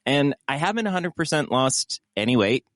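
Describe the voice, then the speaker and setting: A man talks casually on a podcast, wandering through his thoughts with plenty of ums and likes. He pokes fun at himself. His voice is at a middle pitch and sits close in a dry, dead room. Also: sing-song, normal speed, fairly bright tone, no echo. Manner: self-mocking, rambling with many fillers. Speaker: podcast co-host. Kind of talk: casual chat.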